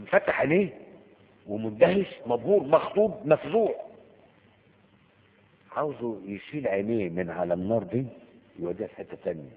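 A man with an Egyptian accent giving a lecture on Quranic rhetoric, asking his listeners rhetorical questions and acting out stories dramatically. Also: on the low side. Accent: Egyptian Arabic. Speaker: religious teacher. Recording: tinny phone-like sound with long hall reverb.

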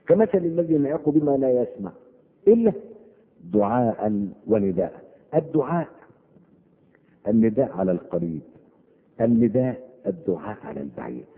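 A man giving a religious lesson, explaining verses word by word and repeating key words with climbing emphasis. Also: lowish voice. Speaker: Islamic teacher explaining scripture. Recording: tinny radio broadcast.

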